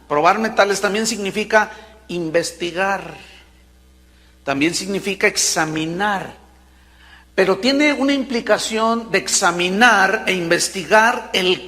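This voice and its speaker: A man preaching a sermon, emphatic, with dramatic pauses and sudden loud bursts. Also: high voice, big-room sound. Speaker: pastor.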